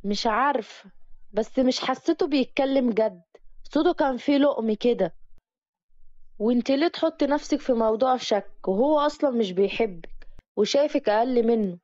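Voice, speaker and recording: A woman's voice: on the high side, moderate pace, darkish tone, no echo, lightly acted. A woman with an Egyptian accent voicing a blunt young friend who talks dismissively. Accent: Egyptian Arabic. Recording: dull dry lo-fi recording.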